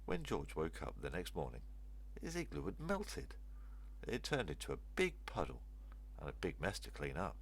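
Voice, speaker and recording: Reading a children's story at a moderate pace, an older man uses a low voice with a gravelly creak and lively, up-and-down storyteller intonation. A faint hum lingers beneath the narration.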